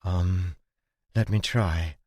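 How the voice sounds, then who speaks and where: A man voicing an alert young woman mage who speaks in a brisk, earnest way. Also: low-pitched, darkish tone, slightly rough, dry recording, studio quality, pitched above the performer's own voice, full character voice. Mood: hesitant.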